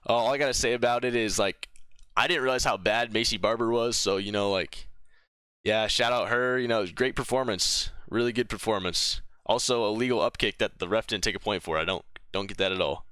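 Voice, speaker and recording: A young man talks through a fight card in a loose, opinionated ramble full of fillers and restarts. His voice is bright and crisp, with a smooth, clear tone. He is recorded close and dry. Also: fairly low pitch, a little fast, no echo. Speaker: MMA commentary vlogger. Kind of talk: casual fight reaction commentary.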